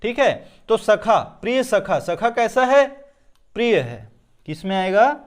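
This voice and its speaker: Guy teacher w a high clear voice, chhattisgarh hindi accent, grammar lesson for exams, asks then answers himself, keeps saying theek hai. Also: very animated, unhurried. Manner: repeats each word with "ठीक है". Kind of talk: exam-prep grammar lesson.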